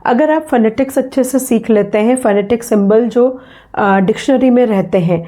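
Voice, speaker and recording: In a slow spoken lesson on English phonetics, a woman patiently repeats sounds and example words for her learners. Her voice is fairly high and mellow.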